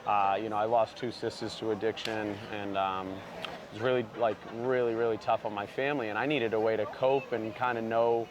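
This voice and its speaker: A man who founded a barber brand talks earnestly in a sit-down interview, leaning heavily on "you know." His voice is on the low side, steady in tone and moderately paced. Background noise comes from the busy outdoor trade convention around him.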